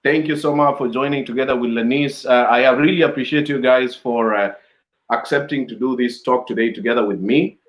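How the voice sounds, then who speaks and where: A man hosts a casual video-call interview, chatty and laughing a lot, his speech full of fillers. His voice is medium in pitch and brisk. The audio has an echoey room sound and the highs are cut off.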